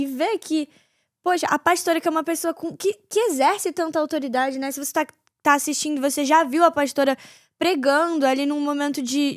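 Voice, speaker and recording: A woman's voice: high-pitched, no room sound, studio quality. A woman host with a Brazilian Portuguese accent, interviewing with enthusiastic affirmations. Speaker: podcast host. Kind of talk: interview chat.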